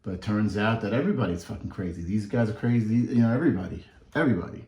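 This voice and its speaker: A man's voice: on the low side, fast talker, a little mellow, roomy sound. A man in his fifties doing a rambling, profane reaction commentary, laughing often. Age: 50s. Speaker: reaction video host.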